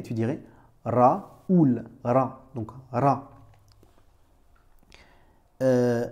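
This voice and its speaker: A man's voice: medium pitch, dark tone. A man teaching Arabic letters in a chatty, informal way, talking straight to the learner with many restarts. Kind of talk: informal screen-recorded lesson.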